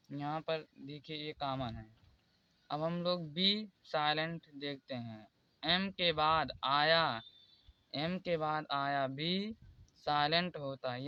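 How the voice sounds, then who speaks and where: A man teaching English spelling rules in a slow, repetitive way and pointing out examples one by one. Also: fairly high pitch, smooth, dry recording, highs cut off. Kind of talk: explaining spelling rules in Hindi.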